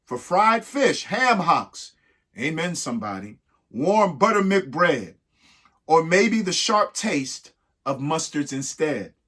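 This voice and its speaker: A husky-voiced man reads a rhyming alphabet picture book aloud for children, adding spoken asides. His voice sits on the high side, sing-song and fairly bright, and he is emphatic, pausing between short phrases.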